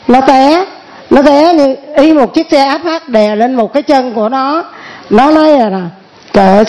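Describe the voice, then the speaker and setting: A middle-aged woman with a slightly high voice gives a testimony in church. She speaks earnestly and keeps repeating and restarting her words as she tells her story. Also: darkish tone. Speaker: church member giving testimony. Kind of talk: emotional spoken testimony.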